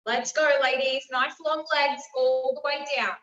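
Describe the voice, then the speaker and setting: Female fitness instructor, high-pitched, encouraging, calling out exercise cues; roomy, distant recording. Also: steady tone, measured pace, fairly bright tone. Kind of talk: live workout coaching with encouraging cues. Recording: roomy, distant mic, slightly dull.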